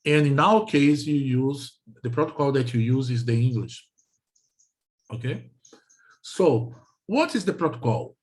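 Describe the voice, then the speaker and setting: This technical lecture comes from a Brazilian man, a native Portuguese speaker, whose English is halting; he repeats himself and frequently checks in with quick questions. His voice is medium-pitched and a little mellow.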